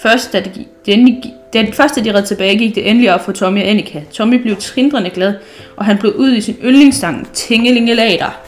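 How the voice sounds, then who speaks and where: A woman reading a children's book aloud, gentle and unhurried, with small slips and restarts. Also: on the high side, faint music behind. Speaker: storyteller.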